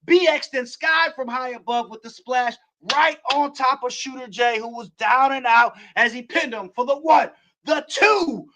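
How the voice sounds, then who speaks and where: A man hosting a wrestling show, recapping a match play by play and building to shouts at the near-falls. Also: very high voice, measured pace, noisy background.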